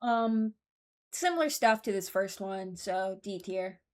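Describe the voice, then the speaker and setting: Musing aloud informally, this woman hosts a voiceline ranking video with casual, opinionated remarks. She has a mid-range, darkish voice that is animated but slow-paced.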